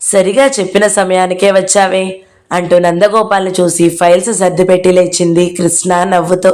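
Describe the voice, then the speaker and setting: A woman reads a novel aloud for an audio book, giving every character's lines herself. Her pitch stays level with almost no rise or fall, so the reading has a steady, even sound. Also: normal speed.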